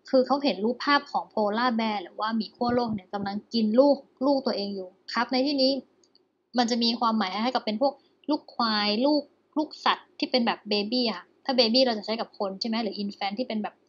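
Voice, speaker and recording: A woman teaching an English listening exercise, chatting casually in Thai and reading questions slowly. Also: fairly high pitch, lo-fi sound.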